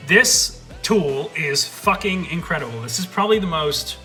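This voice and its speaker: A young man streams excitedly through a tour of his home desk gear, rambling and swearing casually as he goes. His voice is slightly high and bright, close on a studio mic, with faint music under him. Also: moderate pace. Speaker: streamer showing his setup. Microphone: studio USB/XLR dynamic mic.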